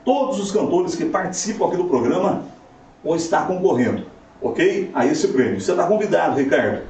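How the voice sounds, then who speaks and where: A man in his thirties hosting a live show in a casual way, giving shout-outs. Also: on the high side, animated, fairly quick. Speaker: TV show host. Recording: echoey, distant mic, faint noise.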